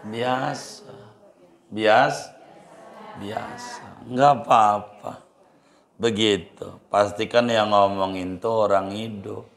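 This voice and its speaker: A man's voice: lowish voice, steady tone, slow pace, gravelly, reverberant. A man preaching a humorous sermon with a Betawi Jakarta accent, telling a folk story, acting out villagers' voices and laughing often. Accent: Betawi Jakarta colloquial. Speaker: Islamic preacher.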